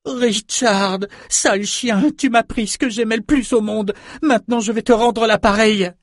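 A man reads a furious young female magician, her voice pitched well above his own and thrown loud. She spits accusations, seething with grief. The recording is dry and close. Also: steady tone, moderate pace, no echo. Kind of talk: audiobook character voice.

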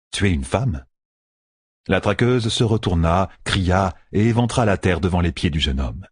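Husky low guy reading a fantasy audiobook, really lively delivery, dry sound. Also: no room sound. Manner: expressive storytelling. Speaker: narrator. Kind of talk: audiobook narration. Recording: dry close recording.

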